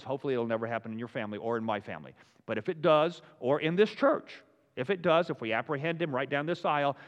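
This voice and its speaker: A pastor preaching a conversational sermon to his congregation, talking fast and checking in with them often. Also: mid-range voice, big-room sound, dull audio. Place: church sanctuary.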